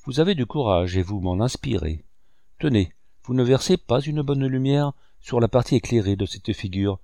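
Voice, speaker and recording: A man's voice: mid-range voice, lively intonation, normal speed, gravelly, mellow, dry recording, studio quality. A man reading aloud voices an ardent young painter, earnest and instructive, who turns to tender pleading.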